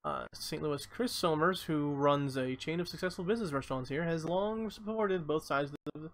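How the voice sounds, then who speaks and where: A man's voice: on the high side, normal speed, fairly bright tone, faint music behind, low-quality recording. Blunt man reading news on a stream. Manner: stumbling over words, blunt and profane asides. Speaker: live streamer. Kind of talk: reading news aloud with commentary.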